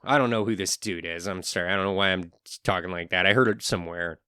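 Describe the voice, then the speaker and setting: Low-voiced man lecturing earnestly. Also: fast, sharp tone, smooth, no echo, clean studio sound. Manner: lecturing, earnest, with wry asides. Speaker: podcast host. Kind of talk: opinionated solo podcast monologue.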